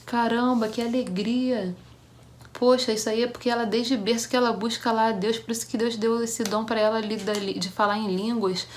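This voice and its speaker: A young woman from Brazil giving a church devotional as a personal testimony, telling her story with halting restarts and acting out the voices of people in it. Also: a little high, steady tone, slight background noise.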